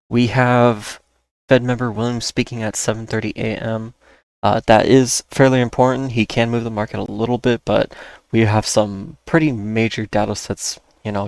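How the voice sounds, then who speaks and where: A man with a lowish voice and vocal fry hosts an informal market rundown for his stock market analysis channel, explaining and repeating key points. He is losing his voice and coughs now and then, and the recording is dry.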